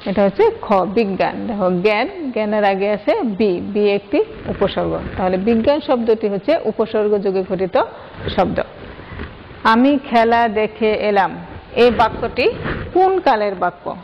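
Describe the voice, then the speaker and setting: A woman's voice: medium pitch, big pitch swings, normal speed, slight background noise. A woman teacher explaining grammar step by step and putting questions to her students. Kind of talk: grammar lesson. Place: classroom. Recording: dull lo-fi sound with long hall reverb.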